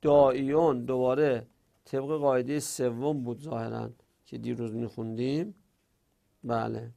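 A man's voice: medium pitch, fairly even intonation, vocal fry, dark tone. A man teaching a grammar lesson to a class, explaining each rule step by step and answering objections he imagines his students raising.

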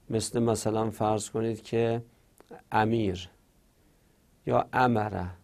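A man with a low, gravelly voice teaches a grammar lesson. His tone is dark and mellow, and he goes over each example word slowly and patiently.

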